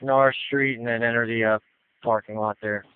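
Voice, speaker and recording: Male fire commander on emergency radio: flat pitch, fast, matter-of-fact, tinny narrowband sound. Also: smooth, no room sound. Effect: two-way radio.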